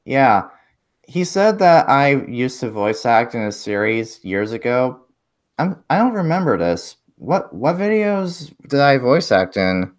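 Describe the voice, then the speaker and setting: A man's voice: medium pitch, sing-song, a little slow. A man in a casual voice chat, speaking politely and apologetically.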